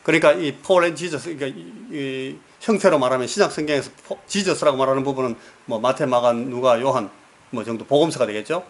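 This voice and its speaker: Speaking a little fast in a mid-range voice, a man preaches as pastor. He tells stories, repeats words for emphasis and asks the congregation questions.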